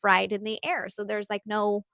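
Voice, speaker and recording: A woman's voice: medium pitch, monotone, normal speed, gravelly, a bit bright, no echo. A woman co-hosting a health podcast, upbeat and giggly, reading listener questions. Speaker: podcast co-host. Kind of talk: casual podcast chat.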